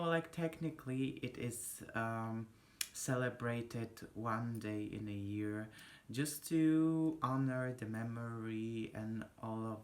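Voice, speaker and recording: A young vlogger with a Polish accent talks slowly and unhurriedly, rambling and breaking off mid-thought. The sound is casual and close, caught on a phone held at arm's length in a small indoor room. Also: mid-range voice. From Poland. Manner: rambling, chatty, self-interrupting. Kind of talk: casual chat to camera. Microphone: phone camera at arm's length.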